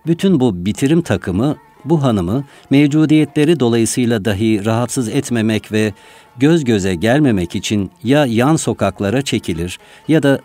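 A man narrating a literary, memoir-style text in a measured, unhurried way. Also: medium pitch, mellow. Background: faint music.

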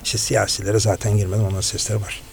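A man's voice: lowish voice, quick pace, vocal fry, a little hiss or hum. A man from Kars, a guest voice impressionist, telling stories animatedly on a radio show. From Kars, Turkey. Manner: animated, shifts into imitated voices. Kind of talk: casual storytelling. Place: radio studio.

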